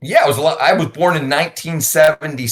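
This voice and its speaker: A man's voice: fairly high pitch, quick pace, a bit bright. Rambling man in his forties. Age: 40s. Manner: rambling, repeats words while thinking, gives advice. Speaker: interview guest, YouTuber. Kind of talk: casual conversation.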